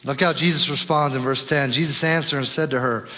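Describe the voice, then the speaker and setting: A man preaching a sermon, swinging between raised, urgent emphasis and hushed low asides. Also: steady tone, fairly quick. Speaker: pastor. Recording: long hall reverb.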